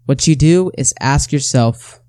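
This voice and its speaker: A man's voice: mid-range voice, unhurried, mellow, no echo. A man hosting a self-help episode, talking conversationally and directly to the listener, repeating key phrases and asking rhetorical questions.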